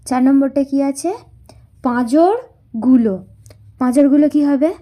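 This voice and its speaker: A woman's voice: high voice, takes it slowly, mellow. A woman teaching a class lesson, spelling words out syllable by syllable and answering her own questions.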